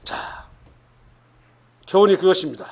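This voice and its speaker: An older male preacher with a notably high voice delivers a church sermon. He keeps putting rhetorical questions to the congregation, pressing emphatic points loudly and then dropping into hushed asides. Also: lively intonation, unhurried, vocal fry. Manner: swings between emphatic loud lines and hushed asides.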